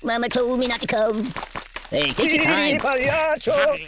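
A woman's voice: high-pitched, a little slow, over a noisy crowd. A woman voicing a cheeky male ragdoll puppet toy in a video game, tossing off quips and yelping when hurt. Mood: chatty. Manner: quippy, yelps and whines when hurt. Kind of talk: video game character voice lines. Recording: loud noisy game audio capture.

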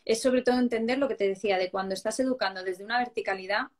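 Higher-pitched woman explaining earnestly. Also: fast talker. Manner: explanatory, earnest, rhetorical questions. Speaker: psychologist guest. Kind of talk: casual live-stream chat on parenting.

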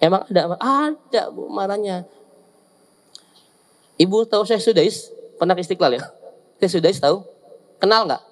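A male preacher, giving a lively, joking sermon to a seated audience and often teasing them. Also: sits high, moderate pace, long pauses. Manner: joking, teasing the audience with asides and acted quotes.

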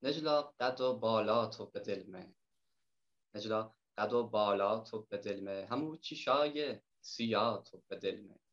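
Soft-spoken Herati poet reciting verse. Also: male voice, fairly low pitch, lo-fi sound. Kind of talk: reciting poetry in dialect.

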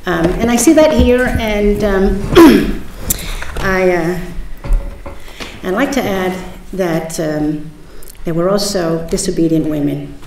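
Searching for her words, an older panelist from the South Bronx, New York, talks in a low voice during a panel in a big lecture hall. A stand-mounted table mic captures her from a distance, so the sound is echoey with background noise.

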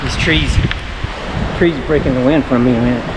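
A man's voice: mid-range voice, fairly even intonation, fairly quick. An American man in his fifties filming himself on a windy mountain trail, exclaiming breathlessly as he hikes. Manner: breathless exclamations while hiking into wind. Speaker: vlogger. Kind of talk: casual self-filmed commentary. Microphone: action camera on chest and at arm's length. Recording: loud wind noise on the mic.

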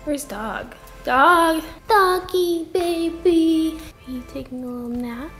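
A woman in her twenties, host of a home cooking series, vlogs informally while cooking in her home kitchen, chatting casually and talking affectionately to her pets. Her high-pitched voice is slow and a bit bright. The room echoes, with music playing behind her.

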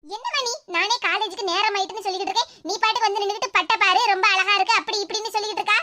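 A woman voicing an impatient young college girl in an animated cartoon, speaking with a Kanyakumari Tamil accent in a snappy, irritated manner. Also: very high voice, very fast.

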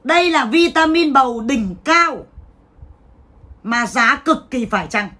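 A woman's voice: high-pitched, lively intonation, a little slow, bright, forceful tone. Foul-mouthed ranting woman livestreamer. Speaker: livestream seller. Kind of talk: livestream sales talk.

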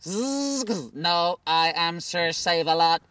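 A man's voice: on the high side, expressive, slow, fairly bright tone, no echo. A man putting on a robot voice as a boastful male robot goalie who buzzes and does karaoke, in a children's comedy sketch. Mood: robotic boasting. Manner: robot voice with buzzing "zzz" noises.

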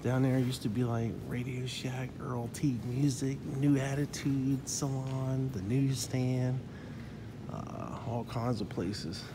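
A man's voice: medium pitch, steady tone, takes it slowly, noisy background. A middle-aged man walking through an empty indoor mall, casually recalling the stores that used to be there, recorded on a handheld phone. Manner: reminiscing, pointing out old stores. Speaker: vlogger touring a closed mall. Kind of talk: casual walking tour narration. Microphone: handheld phone camera.

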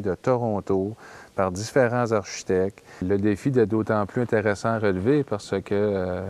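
A middle-aged man with a Québécois French accent, speaking in a documentary interview as a wood supplier's representative, pausing often with "euh" and stringing points into lists. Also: on the low side, darkish tone. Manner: hesitant, frequent "euh" fillers, listing phrases.

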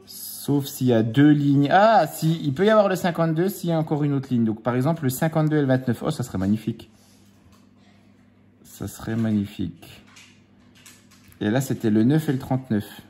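The vlogger's voice here is mellow and of medium pitch. Casually chatting at home with his children close by, he scratches tickets, jokes with the kids, and stretches out his number counting.

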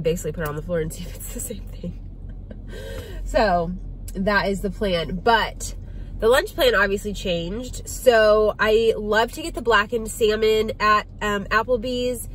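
A woman's voice: mid-range voice, low-quality recording. A woman, chatting casually to her viewers while she drives, with lots of ums and likes. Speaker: vlogger. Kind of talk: casual car chat. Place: inside a car. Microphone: phone camera on dashboard. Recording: phone recording in a moving car with road noise. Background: car and road noise.

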